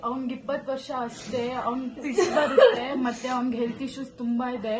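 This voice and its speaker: Young adult sister making a steady, earnest appeal, recorded in an echoey space. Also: female voice, high voice, fast, crowd noise. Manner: steady pleading, repeats please. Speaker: sister of a missing young man. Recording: echoey room.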